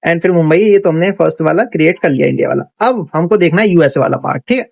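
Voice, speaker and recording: A man's voice: on the high side, fast talker, vocal fry, a little mellow, slightly rough, no room sound. A man teaching a coding lesson over his screen, chatty and thinking aloud, checking in with the viewer often. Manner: chatty, thinks aloud, frequent "theek hai" check-ins. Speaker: coding instructor. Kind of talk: casual screen-recorded coding tutorial.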